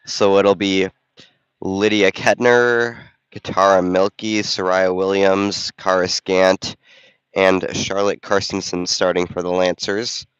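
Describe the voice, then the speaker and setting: Working the camera and calling the action casually at a school gym basketball game, this volunteer commentator is stuffed up with a cold, chatting and musing aloud. His low voice is level and slow, a bit bright and clean. There's no echo, but the high frequencies are cut off.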